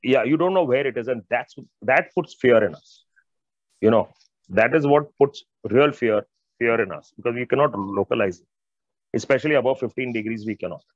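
A middle-aged man with an Indian accent, an audio expert presenting on a video call, speaks at medium pitch and normal speed. He explains technical material informally and emphatically, repeating phrases and addressing listeners directly. Using wired earphones, his audio comes through dull and band-limited with no echo.

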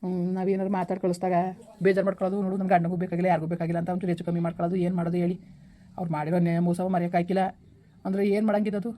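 A woman playing a family member who keeps calming everyone before leaving for duty, soothing and insistent, in a village family skit. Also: fairly low pitch, racing, a little hiss or hum, natural voice. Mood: weary.

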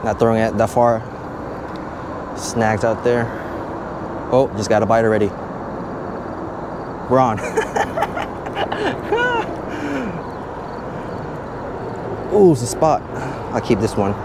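A young man narrates a casual fishing vlog from an outdoor pier, talking extremely slowly with long pauses in a very animated, medium-pitched voice. Despite the pace he's chatty and upbeat. The head-mounted action camera's outdoor audio has noticeable noise.

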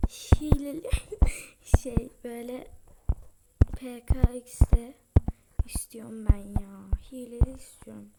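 A woman casually commenting as she plays a game, talking to her viewers and often dropping into whispered asides. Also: high voice. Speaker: gaming channel host. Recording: loud background hiss with clicks.

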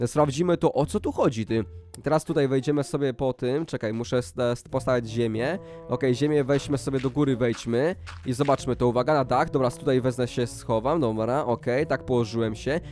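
A man hosting a Minecraft role-play video, talking excitedly to viewers and exclaiming often, with faint music behind. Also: medium pitch, a little fast. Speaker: gaming YouTuber.

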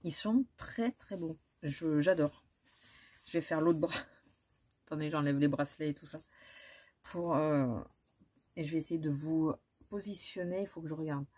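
Husky lady doing a makeup haul, slow and chatty, lots of um's. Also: low voice, a little mellow. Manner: chatty, hesitant, many fillers and restarts. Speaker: beauty vlogger. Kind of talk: casual haul chat with swatches.

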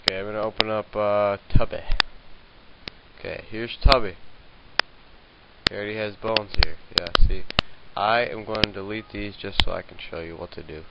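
A young man with a fairly low voice walks through a software tutorial, talking casually and hesitantly with lots of okays and fillers. His handheld mic sounds dull and lo-fi, with a clear hiss running under everything. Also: fairly even intonation, normal speed. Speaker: tutorial maker. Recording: lo-fi hissy home mic.

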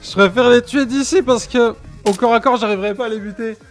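Faint music plays behind a gaming streamer from France, a man in his thirties doing casual Let's Play commentary from a small home room. Speaking fairly quickly in a very high-pitched voice at his desk mic, he teases chat with mock indignation.

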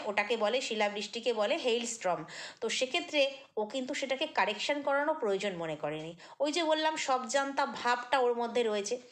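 Chatty woman vlogger with a higher voice. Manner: chatty, critical, with many fillers and restarts. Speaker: vlogger commenting on other vloggers. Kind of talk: casual commentary monologue.

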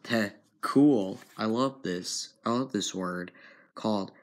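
A young man filming a casual home vlog, talking slowly and repeating himself, often calling out to his viewers. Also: lowish voice. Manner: slow and repetitive, keeps addressing "guys". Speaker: vlogger. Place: bedroom at home. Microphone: handheld phone camera.

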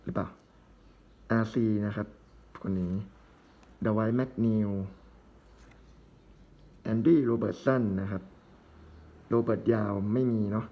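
A man's voice: on the low side, steady tone, a little slow, pauses often, dull audio. A man casually commenting while opening trading card packs, reading out player names in short bursts with chatty asides.

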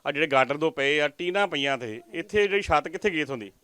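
A man's voice: on the high side, animated, fast talker, bright, forceful tone, smooth, no echo. A man with a Majhi Punjabi accent reporting from a village, interviewing a poor family and earnestly pleading with viewers. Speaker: news reporter. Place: village outdoors.

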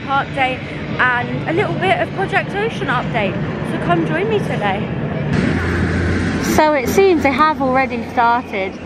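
A woman's voice: high voice, very noisy. A woman, chatting enthusiastically as she vlogs from outdoors at a theme park on a handheld camera. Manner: chatty and enthusiastic, thinking aloud. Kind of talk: casual vlog narration. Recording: loud music in the background.

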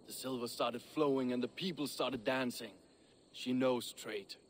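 A blunt, proud Viking shipbuilder, as a man acts him out, speaks in a gruff, plain-spoken way. His game dialogue sits at an ordinary male pitch. A faint hiss runs under it. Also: lightly acted. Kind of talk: video game voice acting.

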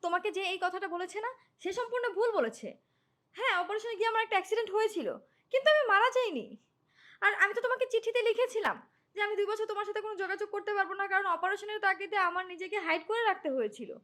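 A woman's voice: extremely high pitch, racing, a bit bright. A woman playing a wronged older sister and wife in a short-film drama who questions and confronts others indignantly. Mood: questioning. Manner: indignant and demanding.

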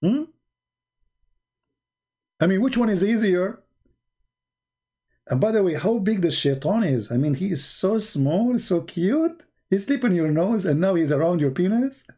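A man's voice: sits high, expressive, measured pace, pauses often, mellow, husky. A man giving a sarcastic, rambling monologue in broken non-native English, posing mock-naive questions. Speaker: online commentator. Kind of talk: mocking monologue.

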